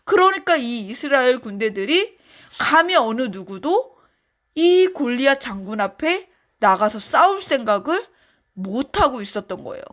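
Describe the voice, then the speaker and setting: Woman children's ministry teacher, lively storyteller, somewhat high voice. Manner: animated, friendly, addressing children.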